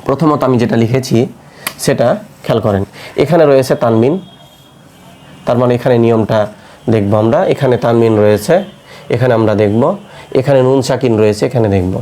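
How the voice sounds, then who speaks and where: Quran tutor, male, mellow tone, poses questions and answers them himself, spells letters out slowly. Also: medium pitch. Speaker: Quran recitation teacher. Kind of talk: online tajweed lesson.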